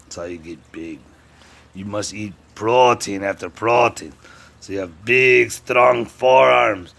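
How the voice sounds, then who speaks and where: A man vlogging in a crude, profane rant, swinging between shouting and low muttering. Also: slow pace, creaky. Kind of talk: profane ranting commentary.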